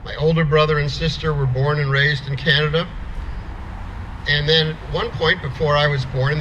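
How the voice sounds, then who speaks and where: A man's voice: a little high, sharp tone, a little hiss or hum, poor audio. A middle-aged man from the United States telling a plainspoken story at an outdoor rally, restarting words as he goes. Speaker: rally speaker.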